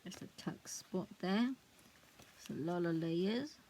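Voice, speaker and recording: A woman's voice: on the low side, animated, slow, mellow, a little hiss or hum, poor audio. A middle-aged woman, a craft vlogger, chatting casually as she shows a handmade book, often hesitant and searching for words.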